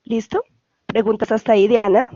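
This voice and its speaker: A woman's voice: a little high, fairly even intonation, normal speed, mellow, no echo, muffled recording. A woman with a Colombian Spanish accent, an English tutor patiently explaining grammar over a video call and often checking for questions. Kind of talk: online class explanation.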